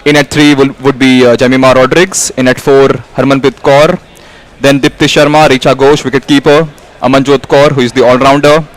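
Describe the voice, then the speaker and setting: A man's voice: medium pitch, flat delivery, fairly quick, poor audio. A male co-commentator eagerly reading out a team list in a casual cricket show.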